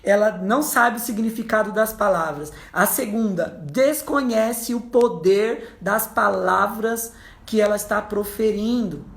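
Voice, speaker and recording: A Brazilian woman, a psychologist, explaining casually to viewers as a lively storyteller who acts out the people she quotes. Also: medium pitch, measured pace, echoey room.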